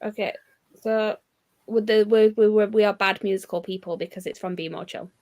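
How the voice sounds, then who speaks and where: A woman's voice: mid-range voice, fairly even intonation, normal speed, a little mellow. A woman co-hosting a casual livestream chat over a video call, chatty and restarting sentences as she explains. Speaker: co-host on a livestream.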